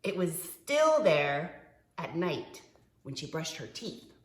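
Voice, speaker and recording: A woman preschool teacher reads a picture book to young children expressively, using dramatic pauses and stretched-out words. Her low-pitched voice is sing-song, and the sound is reverberant.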